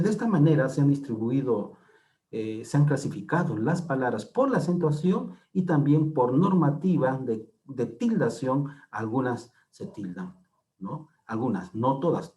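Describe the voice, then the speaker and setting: A man gives a classroom-style lecture in a mellow, darker voice at an ordinary pitch. He explains step by step, repeating key words and tossing in little tag questions to check that his listeners follow. His delivery is patient and measured. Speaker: teacher.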